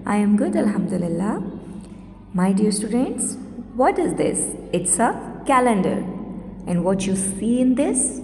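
A woman's voice: mid-range voice, very animated, a little slow, a little mellow, slight background noise. A woman teaching young children in a sing-song rote recitation, repeating and spelling words for pupils to echo, in a reverberant room. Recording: echoey room with long reverb.

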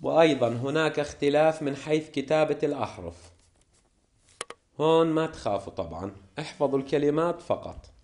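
A man's voice: on the high side, a little mellow, a little hiss or hum. Man teaching English word lists. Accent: Levantine Arabic. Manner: slow, deliberate reading of word lists. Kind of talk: classroom lesson explanation.

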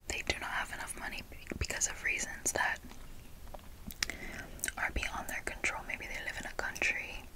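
A young woman with a Miami accent giving a whispered ASMR talk in a slow, deliberate way with repeated phrases, close to the microphone. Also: poor audio. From Miami, United States. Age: young adult. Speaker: ASMR video creator. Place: bedroom, indoors. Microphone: close fur-covered desk microphone.

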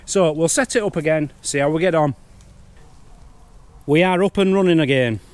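A middle-aged man narrating a wildlife camera vlog outdoors in a wood, in a chatty, easily excited way. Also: fairly high pitch, moderate pace. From United Kingdom. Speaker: wildlife vlogger. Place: woodland outdoors.

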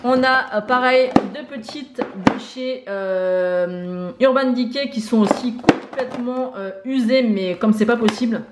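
A woman's voice: fairly high pitch, unhurried, few pauses. A woman beauty vlogger chatting casually through her makeup collection, listing items one by one with many fillers. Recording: echoey room with faint noise.

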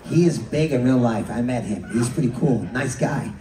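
A Scottish man, a cruise director, hosting a couples' game show for a live audience, teasing contestants, laughing and shouting punchlines. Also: mid-range voice, normal speed. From Scotland. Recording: echoey hall, distant mic, crowd noise.

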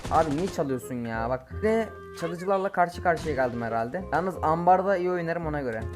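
Streaming a mobile game from home on an emulator, a man with a slightly high voice delivers excitable live commentary. He's quick to curse and yell at his teammates while music plays behind him.

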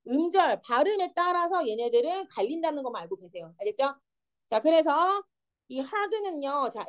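A young woman teaching an English grammar lesson, explaining step by step and often checking whether the students follow. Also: sits high. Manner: lively, keeps checking understanding with students.

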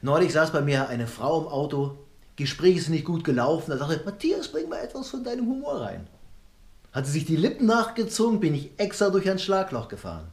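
Speaking quite quickly and very animatedly, with pitch on the high side, the middle-aged cabaret performer and comedian jokes to camera. The conversational monologue is recorded indoors in a small, echoey flat.

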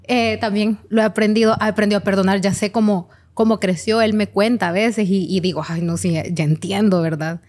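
Female co-host, sympathetic and conversational, middle pitch. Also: steady tone, a little fast, hardly any pauses. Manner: warmly sympathetic, shares her own experience. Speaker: podcast co-host. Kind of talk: casual conversation.

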